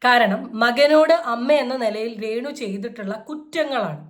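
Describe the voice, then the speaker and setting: A woman vlogger hosting her reaction channel, giving casual commentary in an energetic, sarcastic and mocking manner. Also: fairly high pitch, normal speed.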